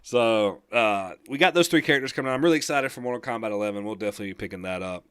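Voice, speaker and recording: A young man co-hosts a casual gaming podcast in a lowish voice. He rambles enthusiastically through the news with easy laughs. The sound is close and dry. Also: very fast, a bit bright, smooth, no room sound. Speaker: podcast co-host.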